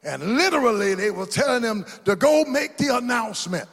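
Preaching man, high lively voice. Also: normal speed, creaky, slightly rough. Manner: call-and-response preaching, swings to shouts. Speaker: pastor. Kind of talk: sermon. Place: church sanctuary. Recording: long hall reverb.

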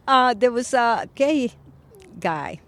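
A Colombian-born woman in her fifties, an Episcopal priest, speaking thoughtfully in a recorded interview, with frequent pauses and fillers. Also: a little high, lively intonation. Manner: reflective, soft-spoken with frequent pauses and fillers.

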